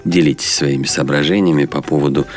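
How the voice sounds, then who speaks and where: A man's voice: extremely low pitch, steady tone, brisk. A man working as a radio host, presenting to listeners and putting questions to a guest.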